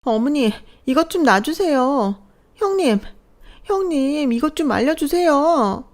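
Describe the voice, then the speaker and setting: A woman voicing a spoiled, arrogant young sister-in-law with a shrill, high voice. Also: very animated, moderate pace. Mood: pleading.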